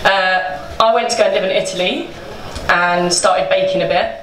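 On stage in a small indoor event space before a seated audience, a young woman who co-owns a bakery tells its story casually into a handheld mic, chatty and loose, with swearing and laughter throughout. Her voice is fairly low and steady at a moderate pace. The audio sounds roomy and distant, with room noise behind her.

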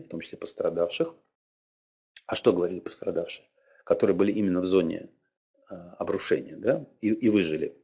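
An older male lecturer with a husky, somewhat low voice that rises and falls in lively swings. He talks in a loose, digressive way, often pausing to check that his listeners follow. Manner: digressive, frequent filler particles and tag questions. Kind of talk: academic lecture.

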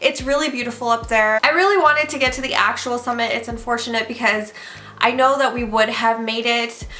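A woman in her thirties talking casually to camera in a small room at home, chatty and relaxed as she recaps a hike. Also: fairly high pitch, brisk. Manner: chatty and relaxed, with fillers like "so yeah". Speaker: hiking vlogger. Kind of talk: casual vlog talk to camera.

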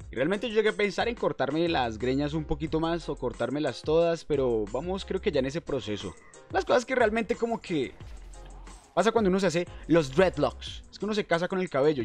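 A young Colombian man streams a game with playful, excitable, slangy talk. His voice sits fairly high and moves in very lively swings. He is close on a desktop mic, with some music in the background. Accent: Colombian Spanish. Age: young adult. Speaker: gaming streamer. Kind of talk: casual game commentary. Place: indoor room at a desk. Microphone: desktop microphone close in front.

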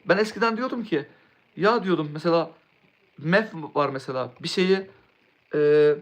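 A man's voice: on the high side, unhurried. Rambling young male live streamer. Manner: rambling, restarts words, answers chat. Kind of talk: casual live-stream chat.

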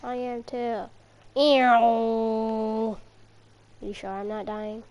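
A woman's voice: mid-range voice, steady tone, normal speed, warm tone. A woman in casual, playful banter while playing a video game, often laughing. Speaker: gamer. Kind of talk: casual gaming chat.

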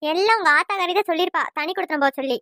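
A woman doing a shrill scolding mother-in-law. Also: fast, pushed and bright, dry recording, clean studio sound. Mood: furious. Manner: nagging, taunting, shrill. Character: scolding middle-aged mother-in-law, sharp-tongued. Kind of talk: cartoon voice acting.

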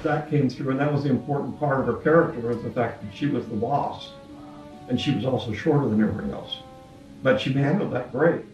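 A man giving brisk, admiring interview commentary. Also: medium pitch, lo-fi sound. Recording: roomy, distant mic, loud music under.

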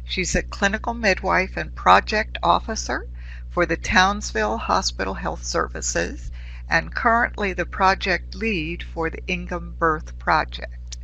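High, bright, gravelly male session chair. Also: measured pace, low-quality recording. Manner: stumbling over words while reading an introduction. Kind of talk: introducing a speaker.

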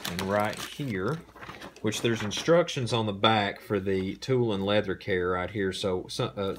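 A man hosting a casual unboxing, talking in a relaxed, rambling way with many fillers, recorded indoors on a camera mic. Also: lowish voice, background noise. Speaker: host. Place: indoor room.

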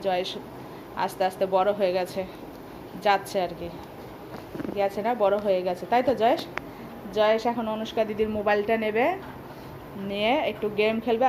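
A woman's voice: medium pitch, noisy background. A middle-aged housewife chatting through her home cooking step by step in a casual vlog, recorded in her kitchen. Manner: chatty, explains each step. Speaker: housewife vlogger.

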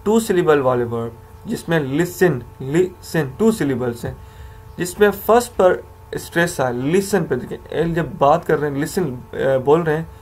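A man's voice: on the high side, animated, normal speed, slightly rough. A man teaching English grammar to learners, patiently explaining rules, repeating examples and correcting himself as he goes.

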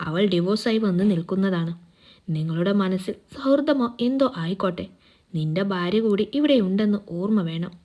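A hearty, protective uncle around fifty, read out by a woman narrator. He talks in a fatherly, chatty way at a plain middle pitch in a storybook reading. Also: lively intonation, normal speed, dull audio, lightly acted. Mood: serious.

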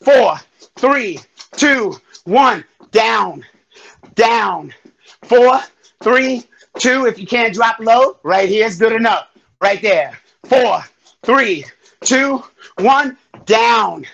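A man's voice: high-pitched, slow, creaky, pauses often, lo-fi sound. A man leading a live home workout as fitness instructor, counting down reps, calling out moves and urging people on while breathing hard. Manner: energetic, calls out counts and encouragement.

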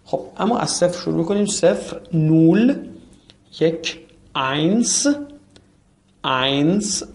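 A man teaching a language lesson, explaining quickly and then slowing down to spell out and repeat each word for his listeners. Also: on the high side, gravelly.

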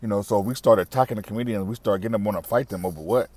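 This dry recording captures a middle-aged man talking very fast in a fairly low, slightly mellow voice. Vlogging through a wired earbud mic from his parked car, he offers casual commentary to camera as a blunt, repetitive, preachy rant laced with slang and curses.

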